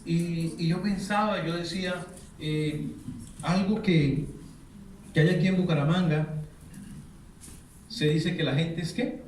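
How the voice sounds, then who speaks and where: A man preaches a sermon, asking the congregation questions for them to finish. His slightly high voice carries through a very echoey church hall, picked up from a distance with a faint background hiss. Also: steady tone, takes it slowly, long pauses, darkish tone. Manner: asks the congregation fill-in questions. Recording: very echoey hall, mic far off.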